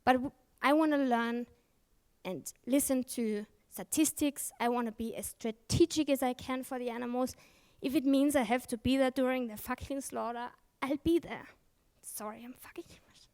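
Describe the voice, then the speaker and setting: A woman's voice: high-pitched, moderate pace, a little mellow, clean tone. A woman giving a conference talk, candid and emphatic, swearing freely and often correcting herself mid-sentence. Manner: frequent self-corrections and fillers. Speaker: conference speaker. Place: conference stage.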